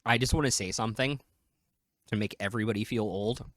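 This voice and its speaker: A man's voice: lowish voice, fairly quick, a bit bright, no echo, studio quality. A man in his thirties hosting a casual whiskey tasting, chatty and enthusiastic as he describes the flavors. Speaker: whiskey review host.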